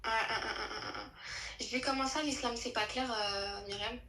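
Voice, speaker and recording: A young woman telling a true story in a casual chat, animated and slangy, with many restarts. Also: fairly high pitch, moderate pace, reverberant, poor audio.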